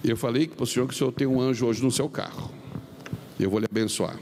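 A middle-aged Brazilian man preaching as a pastor, telling a story with quoted dialogue and swinging his pitch up and down. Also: fairly even intonation, a little fast, a little mellow. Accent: Brazilian Portuguese. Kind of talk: sermon storytelling. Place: large arena. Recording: long reverb of a large arena, faint noise.

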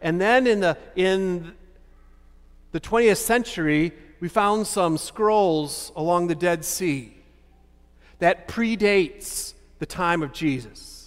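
A man in his fifties, a pastor, delivering an animated sermon full of rhetorical questions, standing and gesturing at a lectern in a large church sanctuary. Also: sits high. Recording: long church hall reverb.

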